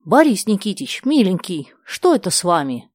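A woman voicing an elderly, sympathetic saleswoman who fusses in a raised, loud voice. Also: medium pitch, sing-song, normal speed, no room sound, clean studio sound, voice pushed up. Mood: fussing.

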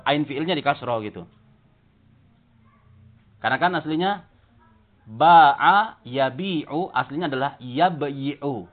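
A man teaching an Arabic grammar class, explaining step by step and checking whether the class understands. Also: fairly high pitch. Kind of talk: classroom lesson. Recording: tinny phone-like audio.

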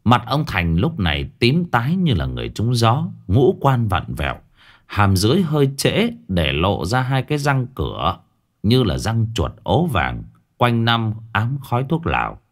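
Lively low-voiced ghost-story narrator. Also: male voice, unhurried.

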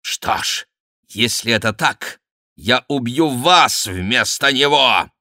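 A man's voice: medium pitch, expressive, takes it slowly, dry recording, studio quality, voice pushed up, exaggerated voice. A man playing a raging hot-tempered count. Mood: enraged. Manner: angry, shouting, threatening. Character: furious, hot-tempered older male count, a huntsman. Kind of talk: audiobook character reading.

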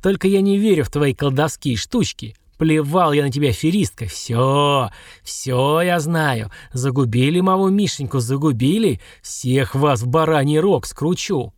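Guy reading as a huge drunk village woman, screechy and nasty, voice way up high. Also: lively intonation, unhurried, no room sound, studio quality. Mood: drunken screeching. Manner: screeching, slurring accusations. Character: drunken hulking village woman, hateful and shrill.

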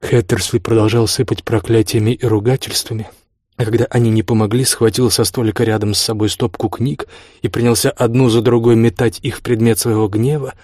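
A man narrating a classic novel in a steady, measured voice of middle pitch. The recording is close and dry, with no room sound. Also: no echo. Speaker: audiobook reader. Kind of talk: scripted narration.

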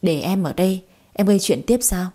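A woman voicing a calm, reasonable father who talks evenly. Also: lowish voice, brisk, natural voice.

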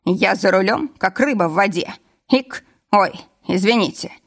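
A woman at medium pitch, reading a little slowly, voices a middle-aged candy-factory director in her audiobook. He is drunk and tipsy, hiccupping and speaking with slurred familiarity.

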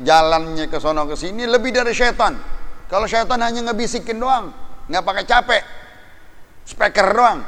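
A man's voice: high voice, big-room sound. A man preaching a sermon, telling stories animatedly and quoting Arabic sayings. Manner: animated, colloquial storytelling with Arabic quotations.

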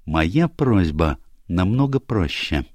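A man's voice: sits low, very animated, slow, a little mellow, no room sound, clean studio sound, heavily acted. A man voicing a commanding, self-assured older detective in a read-aloud story, precise in manner. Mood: explaining. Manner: authoritative, precise.

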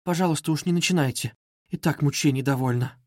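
A man's voice: a little high, quick pace, a little mellow, no room sound, clean studio sound, voice pushed up, close to an everyday voice. A man reading an anxious pleading young woman. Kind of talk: audiobook reading.

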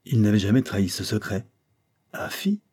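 A man's voice: sits low, steady tone, brisk, mellow, slightly rough. A man reading a classic novel aloud as an audiobook narrator, lifting his voice to act out the courtroom exchanges. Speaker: audiobook reader.

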